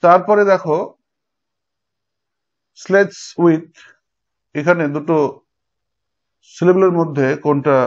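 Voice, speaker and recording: Guy teaching a lecture, kinda high voice, walks students through it step by step, dull lo-fi sound. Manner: explains step by step, addresses students directly. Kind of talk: exam-prep lecture. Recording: dull lo-fi recording.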